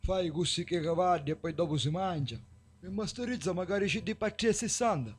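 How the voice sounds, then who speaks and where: A man's voice: high voice, a little fast, husky. A man with a Sicilian accent playing an easygoing, streetwise sidekick in an amateur video game parody dub. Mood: explaining.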